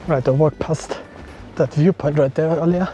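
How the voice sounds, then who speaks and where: A man's voice: a little high, fairly even intonation, normal speed, warm tone. Chatty man vlogging on a mountain hike. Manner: chatty, self-deprecating, thinking aloud with small laughs. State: out of breath. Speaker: photography vlogger. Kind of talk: casual vlog narration while hiking. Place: outdoors on a mountain trail. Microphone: small action camera.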